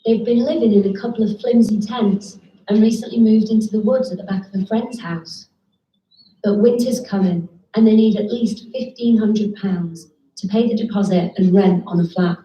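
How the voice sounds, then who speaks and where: A woman giving calm, measured scripted narration for a documentary. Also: medium pitch, reverberant, lo-fi sound.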